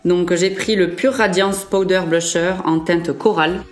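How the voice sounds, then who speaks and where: A woman's voice: fairly low pitch, steady tone, measured pace, faint music behind. A young woman vlogger chatting casually through a makeup review, with frequent fillers and self-corrections. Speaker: beauty vlogger.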